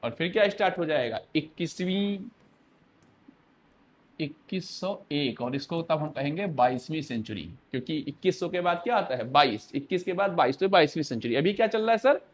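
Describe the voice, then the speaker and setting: Guy teaching history for exams, fairly high voice, keeps asking then answering himself. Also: animated, normal speed. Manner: asks questions and answers them himself. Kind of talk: exam-prep history lecture.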